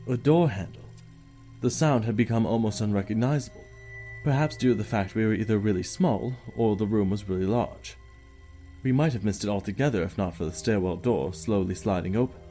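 A man playing a grave adventurer, narrating an audio drama in a measured, suspenseful way. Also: on the low side, warm tone, natural voice. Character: grave male adventurer recounting a tense tale. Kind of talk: first-person scripted narration, audio drama.

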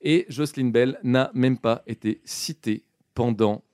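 A young man hosting a casual podcast, telling a science story in a lively way with lots of fillers. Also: medium pitch, measured pace, clear, resonant tone, no echo, studio quality.

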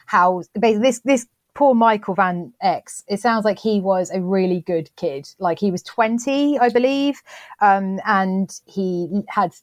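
A woman's voice: mid-range voice, measured pace, dry recording. Woman, podcast co-host, casual chat, self-deprecating, dry close mic. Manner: chatty, self-deprecating, many restarts.

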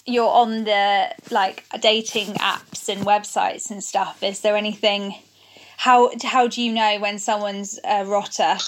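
A woman's voice: medium pitch, little pitch movement, a little slow, poor audio. A young British woman co-hosting a podcast, asking questions in an informal, casual way. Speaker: podcast co-host. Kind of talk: casual chat and interviewing.

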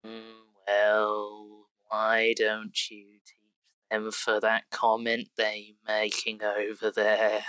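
A man's voice: on the low side, completely flat delivery, drawn-out words, sharp tone, clear, resonant tone, no room sound, exaggerated voice, poor audio. A man voicing a mysterious, grinning, smarmy tempter with an oily, insinuating purr, in a tabletop game. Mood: oily coaxing. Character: mysterious smarmy tempter, grinning, yellow-teethed, coaxing to violence.

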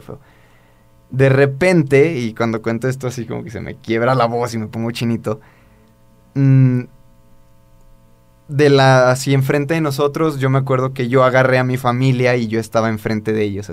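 A man with a Mexican accent, co-hosting a podcast, telling a spiritual story in casual talk full of restarts and fillers. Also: mid-range voice. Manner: rambling with many restarts and fillers. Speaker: podcast co-host.

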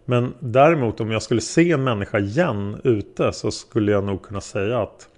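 A man reading the lines of a hesitant male taxi driver being questioned as a witness, in a plain, halting way. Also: on the low side, darkish tone, close to an everyday voice. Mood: unsure. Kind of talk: read-aloud interrogation transcript.

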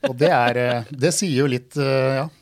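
Male lawyer, mid-pitched, measured and wry, telling a courtroom anecdote in a dry, close recording. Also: fairly even intonation, clean tone, dry recording. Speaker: lawyer, podcast guest. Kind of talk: anecdotal storytelling.

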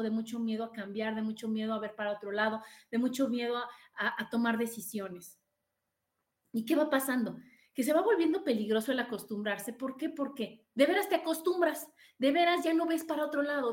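A woman with a Mexican accent hosting a motivational podcast monologue, animated and repeating phrases for emphasis. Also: high voice, reverberant. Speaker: podcast host.

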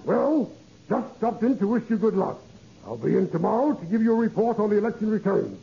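A male actor playing a cynical, flattering American ward politician in old radio comedy, oily and grandiose in mock sincerity. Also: high voice, fairly quick, gravelly. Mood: glib cynicism. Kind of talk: 1940s-50s radio comedy acting. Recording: muffled, hissy old radio recording.

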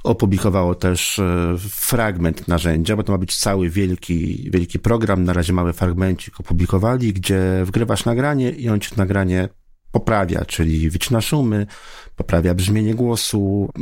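Deep-voiced man in easy podcast talk. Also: moderate pace, a little mellow, no echo, clean studio sound. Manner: thoughtful, with hesitant fillers and restarts. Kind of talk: casual podcast conversation.

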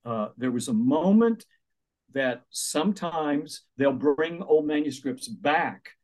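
A slightly high-voiced older man, an author and minister, speaks slowly as he tells stories in an interview. He's animated and acts out the voices of the people he quotes.

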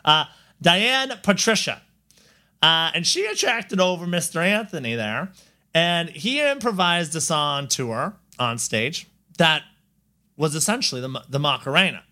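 A man's voice: a little high, very animated, measured pace, pushed and bright. A man hosting a podcast in casual chat, rambling with fillers and laughing often. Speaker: podcast host.

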